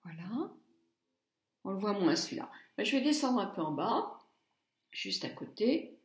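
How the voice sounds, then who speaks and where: A woman's voice: mid-range voice, big pitch swings, unhurried, reverberant. A middle-aged woman chatting through a makeup palette review, muttering asides and stumbling over English names. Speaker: beauty blogger.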